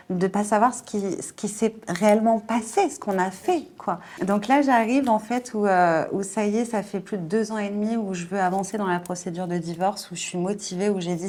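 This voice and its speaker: A woman in her forties giving a personal testimony in an interview, halting and emotional, often repeating words and filling pauses. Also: mid-range voice, darkish tone. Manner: emotional, earnest.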